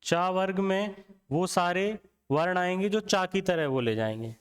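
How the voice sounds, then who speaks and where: A man's voice: sits high, clear, resonant tone. A young man teaching a Hindi grammar lesson, sounding out letters one by one and asking the viewer questions. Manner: slow, repeats sounds aloud and quizzes the viewer.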